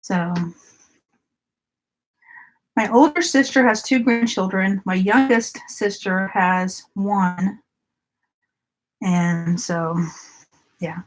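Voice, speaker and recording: A woman's voice: medium pitch, steady tone, extremely slow, long pauses, rough recording. A woman, chatting casually with viewers during a craft live stream and often laughing. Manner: chatty, giggly, talks to viewers by name.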